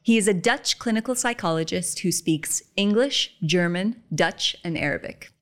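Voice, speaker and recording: A woman hosting an interview podcast, giving measured introductions and laughing easily with her guest. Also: fairly low pitch. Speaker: podcast host.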